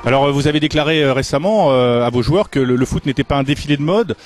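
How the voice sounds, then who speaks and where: A male football presenter who talks very quickly in a mid-pitched voice. He introduces matches and puts questions as a club interviewer would. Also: soft background music.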